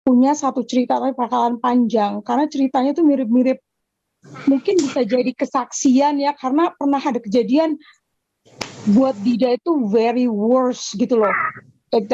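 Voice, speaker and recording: A woman calling in over a video call, telling a personal story haltingly, repeating words and mixing in English phrases. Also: sits high, creaky, mellow, no echo. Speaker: caller asking a question. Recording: dull, dry lo-fi call audio.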